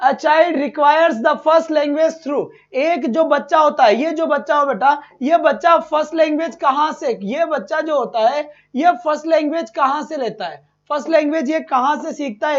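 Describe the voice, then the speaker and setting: Male exam-prep teacher, high and lively, coaxing and repetitive; dull lo-fi audio. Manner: energetic, repetitive, calls students "beta". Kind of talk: online exam-prep lesson.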